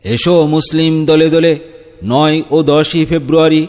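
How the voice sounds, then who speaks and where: A man makes a formal public announcement through a loudspeaker, his voice smooth and resonant with a long booming reverb trailing each phrase. He keeps a steady, fairly flat tone and reads in a measured public-address manner. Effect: announcement sounding through a loudspeaker with long reverb. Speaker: event announcer.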